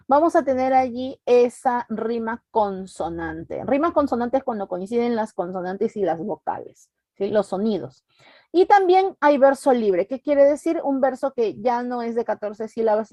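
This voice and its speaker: A woman with a Latin American Spanish accent leads an exam-prep literature lesson in a mellow, warm voice. She keeps checking in with her students through tag questions and slows down to stress key terms. The recording is dry and close. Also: a little high, dry recording. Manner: asks constant tag questions to check understanding. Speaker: literature teacher.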